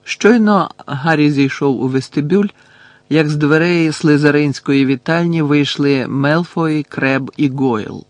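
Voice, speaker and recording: A man narrating an audiobook in a measured way, slowing down on dramatic lines. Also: mid-range voice, dry recording.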